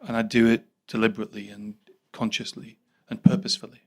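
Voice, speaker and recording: A British man speaking on a live discussion panel. His voice sits low and stays quite level, and he lays out his points in a deliberate, emphatic way. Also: little pitch movement, creaky. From Britain. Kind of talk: live public conversation.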